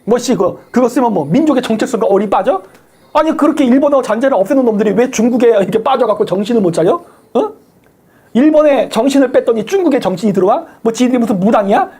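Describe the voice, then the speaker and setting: A woman hosting a live stream, giving sharp political commentary, sarcastic and combative, firing rhetorical questions and thanking viewers by name. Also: fairly high pitch, lively intonation, fast, slightly rough. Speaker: livestream host thanking viewers for donations.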